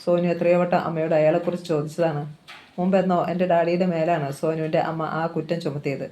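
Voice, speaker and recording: A reader narrating a novel aloud at a steady, measured pace. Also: mid-range voice.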